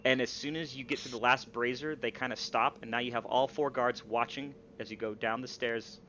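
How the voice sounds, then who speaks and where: Guy narrating a tabletop game as gm, bright tone, faint background hiss. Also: mid-range voice, fairly even intonation, brisk, dull audio. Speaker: game master.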